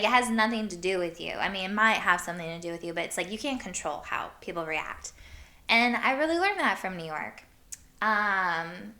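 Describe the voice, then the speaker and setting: A woman from Iowa hosting her podcast, telling stories in a hyper, animated way with casual swearing. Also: mid-range voice. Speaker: podcast host. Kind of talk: casual storytelling monologue.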